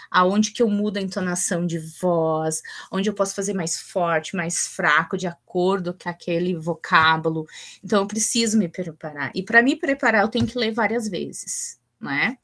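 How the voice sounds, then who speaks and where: A woman's voice: mid-range voice, a bit bright. A woman leads a teacher-training lesson on early childhood education. She talks in a chatty, informal way. She often checks in with her listeners. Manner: chatty, asks the group for go-ahead.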